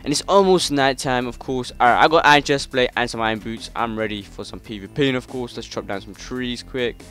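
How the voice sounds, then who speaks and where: A man's voice: mid-range voice, brisk, a bit bright, smooth, faint music behind. A British man hosting a gaming channel, chatting casually through gameplay with friends and yelping when startled.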